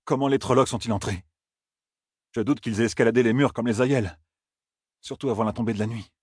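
A man's voice: medium pitch, fairly quick, breathy edge, no room sound, studio quality, pitched above the performer's own voice, natural voice. A man voicing a distraught young man with great power in an audiobook, strained and desperate. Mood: weary. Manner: desperate, strained, shouting at times.

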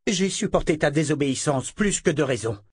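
A man reading a fantasy audiobook and voicing a furious, domineering older woman with a shrill, scolding, contemptuous delivery. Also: animated, brisk, slightly rough, no echo.

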